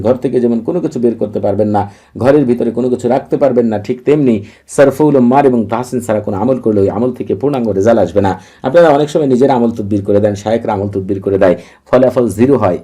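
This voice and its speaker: Guy with a husky mellow voice walking viewers thru a ritual step by step, repeats himself a lot. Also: mid-range voice. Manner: repetitive, steady step-by-step instructions; recites long Arabic formulas in a chanting cadence. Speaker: Islamic ritual instructor. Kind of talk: instructional talk to viewers.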